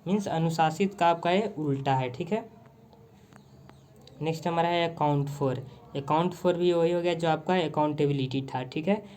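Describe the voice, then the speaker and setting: A man's voice: fairly high pitch, darkish tone. A man with an Indian accent teaching English words through Hindi in a casual lesson, asking and answering his own questions, often stopping to search for a word. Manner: repeats "ठीक है" constantly, asks and answers own questions; pauses to search for words, hesitant fillers. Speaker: vocabulary teacher. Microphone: phone on tripod with mic.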